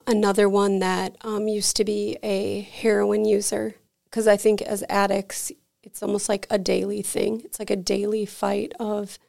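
A woman with a mid-range voice, slight vocal fry, and an unhurried, measured pace talks as a podcast guest. She runs an energy healing center and tells lively anecdotes in loose, chatty storytelling, saying "like" constantly.

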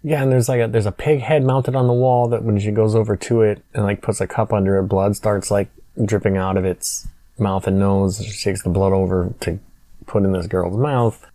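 Man, podcast co-host, wry, laughs a lot, low mellow voice, dry close sound. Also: steady tone, moderate pace, dry recording. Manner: wry, laughs often while recapping scenes. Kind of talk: casual movie review chat.

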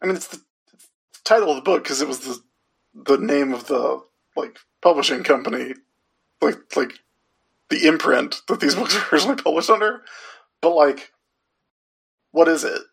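A man's voice: fairly high pitch, lively intonation, normal speed, vocal fry, pauses often, fairly bright tone, breathy edge. A man with a Southern accent, co-hosting a casual comic book podcast chat, laid-back, laughing often and swearing casually. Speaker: podcast co-host.

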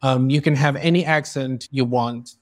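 A male podcast host in Spain conducts a conversational interview with earnest, long-running sentences and frequent restarts. His mid-range voice holds fairly even intonation at normal speed, captured in clean, dry studio sound.

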